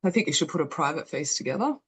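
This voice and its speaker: A woman therapist with a lowish voice, asking gentle, probing questions in a live therapy session. She speaks reflectively and calmly, unpacking assumptions step by step. She sounds middle-aged. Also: fast talker, slightly rough. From Greek background.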